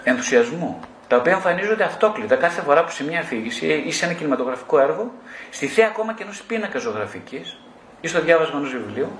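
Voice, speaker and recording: A man's voice: fairly high pitch, a bit bright, reverberant, a little hiss or hum. A male psychotherapist giving an explanatory lecture, often posing rhetorical questions.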